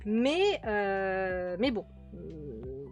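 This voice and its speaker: Hosting a casual let's-play of a management game, a woman speaks extremely slowly in a medium-pitched, sing-song voice. She's chatty, with many fillers and repeated words, and faint music plays in the background.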